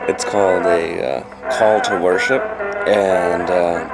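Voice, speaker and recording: A man from the United States casually narrating a school trip video, halting with many fillers and restarts. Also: sits low, fairly even intonation, vocal fry, over loud music, low-quality recording.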